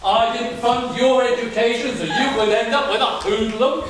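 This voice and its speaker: A man's voice: very high-pitched, normal speed, fairly bright tone. A man playing a stern, scheming wealthy father in a pantomime, declaiming pompously in rhyme. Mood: scolding, menacing. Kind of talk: rhyming stage pantomime villain acting. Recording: distant, very echoey, noisy stage recording.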